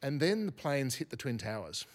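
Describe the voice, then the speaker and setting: A man speaking as a guest academic in an interview, reflective and unhurried, often restarting his sentences. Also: mid-range voice, very animated. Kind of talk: thoughtful podcast interview.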